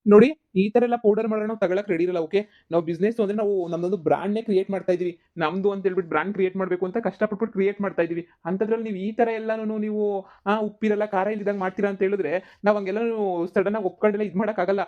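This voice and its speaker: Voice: medium pitch, steady tone, racing, lo-fi sound, close to an everyday voice. A voice actor playing a strict young male businessman who lectures and rejects a seller's product. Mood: stern. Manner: stern, lecturing, ends lines with "okay?". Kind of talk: cartoon voice acting.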